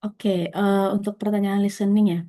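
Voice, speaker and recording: A woman's voice: mid-range voice, little pitch movement, moderate pace, mellow. A young woman speaking over a video call, giving friendly, casual advice to students in a question-and-answer session. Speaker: webinar speaker.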